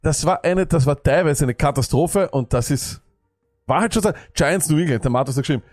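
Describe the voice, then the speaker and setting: A man's voice: on the high side, fairly quick, darkish tone, dry recording, studio quality. A man co-hosting a fantasy football podcast, ranting and sarcastic, jumping between thoughts. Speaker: podcast co-host. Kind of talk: casual fantasy football chat.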